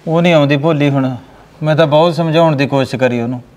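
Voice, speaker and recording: Guy acting middle aged farmer, pleading, high-ish voice, echoey. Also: fast talker, a little mellow, lightly acted. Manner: pleading, earnest. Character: village farmer husband, pleading and resigned. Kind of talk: village family drama acting. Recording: echoey room with long reverb.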